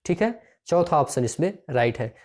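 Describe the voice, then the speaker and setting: Male exam-prep tutor, warm mellow tone, reads each question and its options, then drills the answer. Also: fairly high pitch, animated, moderate pace. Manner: addresses listeners as friends.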